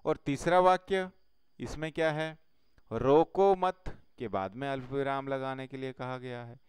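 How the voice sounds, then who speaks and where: A man teaching a Hindi grammar lesson, explaining slowly step by step with pauses. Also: mid-range voice, clean tone, no room sound.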